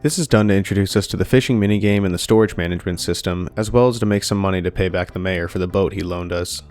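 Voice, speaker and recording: A young man narrates a video game review from a script at his home mic, steady and dry with the odd light joke. His voice sits low. Soft music plays beneath him. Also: fast talker. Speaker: gaming YouTuber. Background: soft background music.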